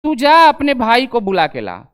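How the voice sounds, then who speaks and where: A man's voice: extremely high pitch, wildly swooping pitch, unhurried, clear, resonant tone, exaggerated voice. A man voicing a proud hero number character who dismisses smaller rivals. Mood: lofty. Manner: lofty and dismissive. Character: proud noble hero number, refuses to fight small ones.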